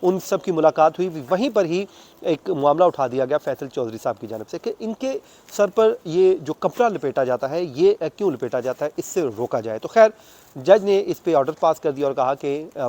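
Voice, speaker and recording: In a warm, animated voice on the high side, a man with a Pakistani accent speaks at a moderate pace while giving an unscripted court report. His delivery is conversational, a detailed step-by-step recounting with English legal terms woven in.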